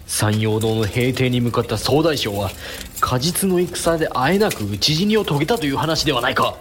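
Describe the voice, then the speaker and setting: A man's voice: mid-range voice, expressive, normal speed, fairly bright tone, close to an everyday voice. A man playing a skeptical samurai warrior in a period drama. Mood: doubtful. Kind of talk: period audio drama acting.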